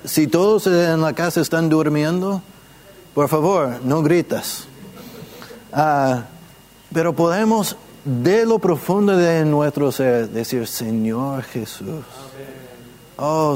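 A man teaching a church gathering in a conversational way, asking listeners questions and gently demonstrating how to pray. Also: a little high, slow pace. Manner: patient, asks questions and demonstrates prayers softly.

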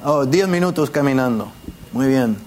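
A man teaching a church gathering in a conversational way, asking listeners questions and gently demonstrating how to pray. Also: mid-range voice, expressive, moderate pace, slight background noise. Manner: patient, asks questions and demonstrates prayers softly.

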